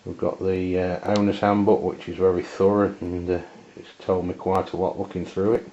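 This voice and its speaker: An amateur radio reviewer from England, with an English accent, gives an unscripted product demonstration in plain words, hesitant and halting. His voice is deep, level and warm. A dull lo-fi camera microphone captures it with slight background noise.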